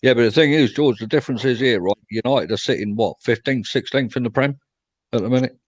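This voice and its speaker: A man's voice: medium pitch, brisk, no room sound, rough recording. A young man hosting a casual fan chat after a match, reading out viewer comments and answering them. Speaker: fan show host.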